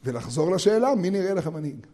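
A man teaching a Torah lesson to educators, animated and full of rhetorical questions, swinging between loud bursts and near whispers as he acts out quotes. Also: high voice.

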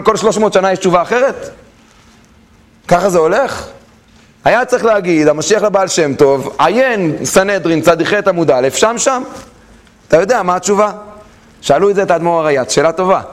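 Man, rabbi giving a lively class, Israeli accent, fairly high voice, questions to the room. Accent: Israeli Hebrew. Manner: animated, asks questions to the class and acts out story voices. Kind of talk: lively Torah lesson with storytelling.

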